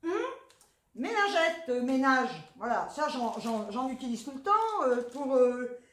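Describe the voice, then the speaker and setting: Woman, southern French accent, high voice, frank and cheeky haul chat, echoey room. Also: lively intonation, a little slow. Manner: chatty, frank and cheeky, swears freely. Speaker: vlogger showing a grocery haul.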